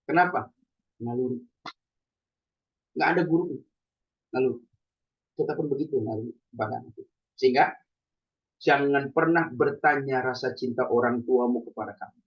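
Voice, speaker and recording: A man's voice: medium pitch, moderate pace, pauses often, breathy edge. A man preaching a conversational sermon, telling everyday stories and asking the listeners rhetorical questions. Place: mosque hall. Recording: distant dull lo-fi.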